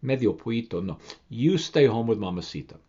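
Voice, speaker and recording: A man voicing a caring, fussy mother hen who gently scolds and coaxes her chick. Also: medium pitch, sing-song, a little fast, husky, highs cut off. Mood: coaxing.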